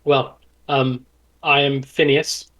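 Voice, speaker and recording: A man's voice: medium pitch, flat delivery, slow, fairly bright tone. A man playing a grumpy, sarcastic old male satyr father in a tabletop game. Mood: dry.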